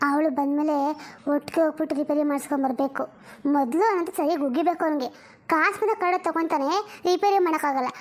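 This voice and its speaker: A woman voicing a worried elder sister who works as a poor housemaid and lectures her younger sister with proverbs. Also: high voice. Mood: grumbling. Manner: lectures and scolds, uses proverbs.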